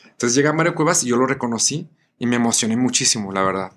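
A man with a Mexican accent, a guest musician telling a story in a casual, animated way, acting out the voices of the people in it and using plenty of fillers. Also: mid-range voice, quick pace. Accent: Mexican Spanish. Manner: animated, acts out voices in his stories, many fillers.

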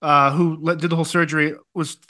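Bright, forceful higher-pitched man chatting. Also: little pitch movement, quick pace. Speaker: podcast co-host. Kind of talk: casual personal storytelling.

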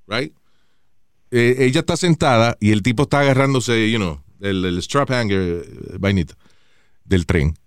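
A male podcast host chatting casually, his pitch bouncing around as he tells stories and swears freely. His voice is smooth and clear. It sounds dry and close on a studio microphone. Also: dry recording. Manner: animated, mixes Spanish and English, swears freely. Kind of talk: casual chat.

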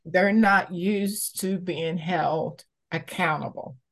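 Slow-talking woman with a lowish voice. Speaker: interviewee, community campaigner. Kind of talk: conversational interview answers.

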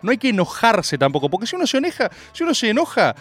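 A man's voice: sits high, wildly swooping pitch, quick pace, fairly bright tone, faint music behind. A young Argentine man with a Rioplatense accent hosting a comic political monologue, rambling and ironic, laughing at his own jokes. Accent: Rioplatense Spanish.

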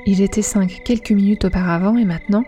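A woman narrating a story aloud in an even, dramatic telling. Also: mid-range voice, quick pace, faint music behind. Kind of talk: storybook reading.

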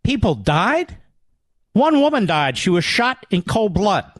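A man's voice: high-pitched, sing-song, a little slow, no room sound. A man hosting a talk radio show, delivering an indignant, sarcastic political rant into a studio microphone.

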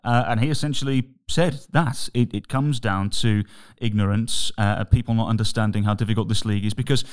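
A man with an English accent and a croaky, hoarse, frog-in-the-throat voice, talking casually as a football podcast host. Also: on the low side, fairly even intonation, fairly quick, darkish tone. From England. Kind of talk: casual sports podcast talk.

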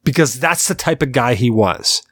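A man's voice: medium pitch, expressive, moderate pace, fairly bright tone, no echo. A man in his forties hosting a podcast, telling rambling stories in loose casual chat and swearing freely. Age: 40s. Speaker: podcast host.

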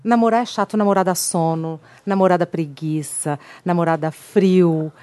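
A woman's voice: fairly low pitch, fairly even intonation, normal speed, warm tone. A woman on a talk show panel, blunt and emphatic, hammering her point home in casual chat.

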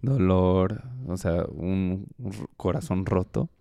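A man from the United States hosting a podcast, talking in a reflective, unhurried way. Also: low voice, gravelly, warm tone, no echo, clean studio sound. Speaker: podcast host. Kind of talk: casual conversation.

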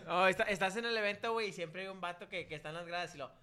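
Slangy, bright-voiced mexican man. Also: high voice, racing, clean tone. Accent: Mexican Spanish. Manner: slangy, animated storytelling, sings bits of songs. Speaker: podcast co-host. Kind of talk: casual chat.

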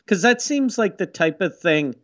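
A man's voice: high voice, lively intonation, normal speed, a bit bright, highs cut off. A man chatting casually on a podcast, blunt and profane. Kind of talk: casual chat.

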